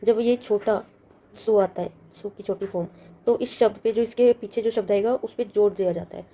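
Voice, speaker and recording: Woman teacher, very dark mellow tone, patient step-by-step explainer, repeats words with meanings. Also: mid-range voice, steady tone, normal speed. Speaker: language teacher. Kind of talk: lesson walkthrough.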